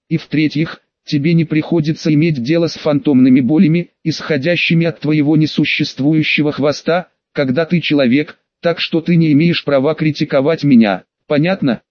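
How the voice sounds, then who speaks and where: A man's voice: fairly high pitch, normal speed, hardly any pauses, no echo. A man reading an audiobook aloud, speaking evenly with hardly any change of voice for the characters. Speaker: audiobook reader. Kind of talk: audiobook narration. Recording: dull lo-fi close-miked sound.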